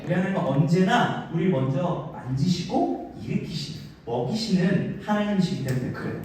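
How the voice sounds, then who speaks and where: Animated male youth pastor in echoey hall. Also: high voice, normal speed, a little hiss or hum. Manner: animated, acts out voices and leads call-and-response. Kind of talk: lively youth sermon. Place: church hall, live service. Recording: very echoey hall, mic from a distance.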